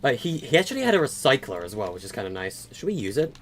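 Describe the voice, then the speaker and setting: Big pitch swings mark this fast, mid-range male voice, heard over faint music. He's eighteen and streaming a game live, loosely answering viewers in a rambling way with many fillers and stutters.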